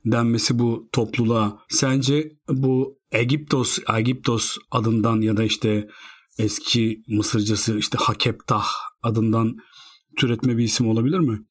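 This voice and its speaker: A man's voice: medium pitch, steady tone, a little slow, husky. A man in casual conversation, asking curious questions and speculating aloud about word origins. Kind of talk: casual chat.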